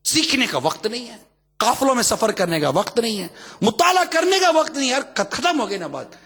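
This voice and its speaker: High-voiced emphatic male preacher. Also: very animated, pushed and bright, breathy edge. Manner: emphatic, repetitive, rhetorical questions. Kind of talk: sermon. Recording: hall with long reverb.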